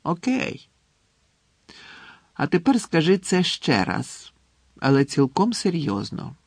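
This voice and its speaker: A sensible teenage boy, baffled and questioning his friend, as a man reading the storybook puts him on. The voice is a touch lifted and husky. It is recorded dry and close. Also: a little high, wildly swooping pitch, takes it slowly, no echo, pitched above the performer's own voice, heavily acted.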